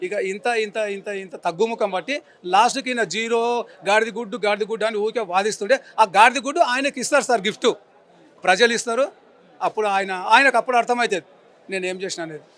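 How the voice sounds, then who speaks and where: In a street interview, a member of the public, a man in his forties with a Telangana Telugu accent, angrily and emphatically repeats his insults. He talks fast in a high, slightly bright voice.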